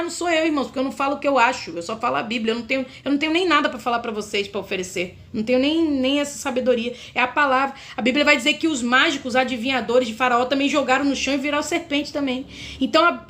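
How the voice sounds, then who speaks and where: Brazilian woman preacher, high voice, fervent sermon delivery, keeps addressing the congregation directly. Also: a bit bright. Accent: Brazilian Portuguese. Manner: fervent, repeatedly addresses listeners as brothers.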